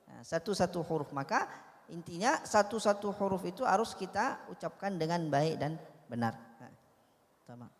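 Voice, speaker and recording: A man explaining Quran recitation points, slowly repeating the key rules. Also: sits high, very animated. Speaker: translator and teacher. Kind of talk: tajwid lesson. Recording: long hall reverb.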